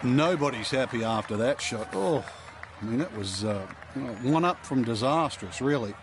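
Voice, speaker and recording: A man acts as an easygoing golf commentator analysing play in a video game. His phrasing is conversational and halting, at an average pitch. Clear outdoor background noise surrounds the voice. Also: expressive, a crowd in the background, natural voice. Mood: considered.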